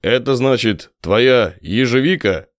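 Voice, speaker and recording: A man voicing a weary, sleepless prince who speaks slowly and with authority in a tired voice. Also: medium pitch, no room sound, clean studio sound, lightly acted. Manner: slow, measured, authoritative. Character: weary, sleepless middle-aged male prince.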